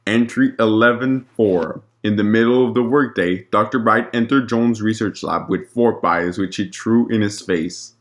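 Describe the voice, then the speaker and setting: Reading a written log aloud, a man with a fairly low voice delivers official records as formal, report-like scripted narration. He speaks at normal speed with hardly any pauses, occasionally stumbling a little over a word.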